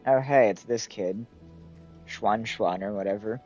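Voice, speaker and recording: A man's voice: fairly low pitch, a little slow, a little mellow, soft background music, rough recording. A man casually rambling through let's-play commentary as he plays a video game. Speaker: gaming streamer.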